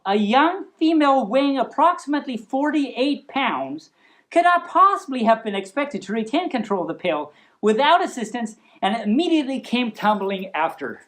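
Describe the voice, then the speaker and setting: Reading for her storytime show in a high-pitched voice, a woman puts on a mock-serious, playful tone, breaks off for chatty remarks and trips over the longer words.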